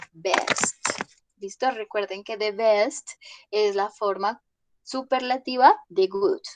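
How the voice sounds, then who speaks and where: Woman teacher, slow and patient, highish voice, dry close sound. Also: no room sound. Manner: patient, checks in with "listo?" often. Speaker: English teacher. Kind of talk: online class explanation.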